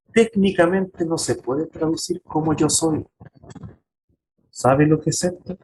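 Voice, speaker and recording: A man's voice: medium pitch, darkish tone, a little hiss or hum, poor audio. A man pastor teaching a Bible class to his congregation, emphatic, turning to them with direct questions. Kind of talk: church Bible lesson.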